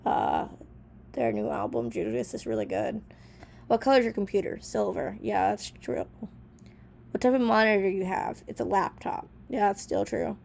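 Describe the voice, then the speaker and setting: A woman's voice: medium pitch, animated, normal speed, creaky, darkish tone. A young woman vlogger with a sick, stuffy voice, chatting casually as she reads old journal answers aloud and comments on each one with lots of fillers. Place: small bedroom in an apartment.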